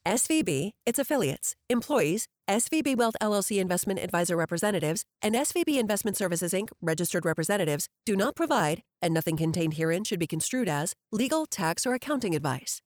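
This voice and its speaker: A woman's voice: medium pitch, animated, fairly quick, few pauses, no room sound, studio quality. A woman narrator reads a scripted legal disclaimer in a formal, precise way. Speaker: disclaimer narrator for a financial podcast.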